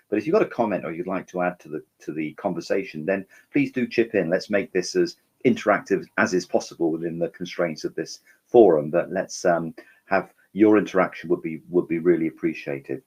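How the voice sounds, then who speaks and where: A man with a very low, husky voice moderates an online panel. He talks in a friendly, chatty way, with restarts here and there, and he passes the floor to each guest in turn. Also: darkish tone, lo-fi sound. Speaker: webinar panel chair.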